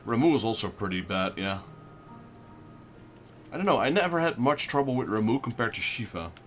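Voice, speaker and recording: A native Dutch speaker from the Netherlands, with a Dutch accent, does casual let's play commentary and talks back to his viewers' chat. His mid-range voice is very animated and brisk, with faint music behind it.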